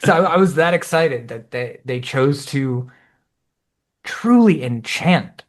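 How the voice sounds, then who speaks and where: A man co-hosting a podcast, talking in an excitable, enthusiastic way and swearing casually. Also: fairly high pitch, slow. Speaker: podcast co-host. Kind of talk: casual chat.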